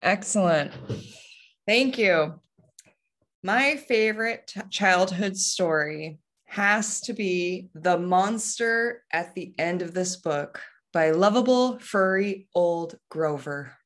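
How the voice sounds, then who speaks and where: A woman giving an impromptu storytelling speech at a speaking club over a video call, telling the story in a deliberate, animated way. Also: fairly low pitch.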